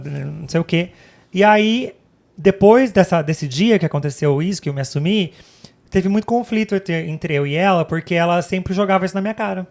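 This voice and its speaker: Brazilian woman podcast co-host, dramatic retelling, rapid delivery. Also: on the low side, gravelly. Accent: Brazilian Portuguese. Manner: animated, dramatic retelling, acts out quotes. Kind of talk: casual chat, personal storytelling.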